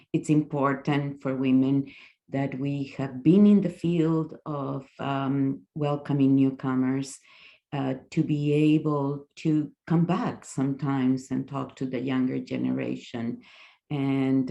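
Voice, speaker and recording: Low, gravelly Chilean woman in her sixties. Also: warm tone. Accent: Chilean Spanish. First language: Spanish. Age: 60s. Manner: hesitant, with fillers and restarts. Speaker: guest speaker. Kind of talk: presentation talk.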